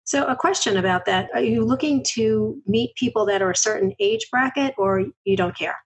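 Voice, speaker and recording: A middle-aged woman hosting an interview, chatting casually and telling stories with lively outbursts. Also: on the high side, moderate pace, slightly rough, poor audio. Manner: chatty storyteller, lively when surprised. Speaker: podcast host.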